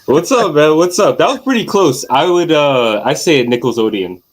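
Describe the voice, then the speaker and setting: A man's voice: fairly high pitch, moderate pace. Podcast guest, man from Trinidad, thirties, easygoing, rambling storytelling. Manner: relaxed, laughs often, many fillers. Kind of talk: casual chat.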